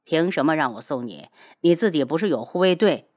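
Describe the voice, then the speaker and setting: A woman voicing a cold, sneering young man who talks slowly and with menace. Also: deep voice, animated, a little mellow. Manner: slow, cold, sneering delivery.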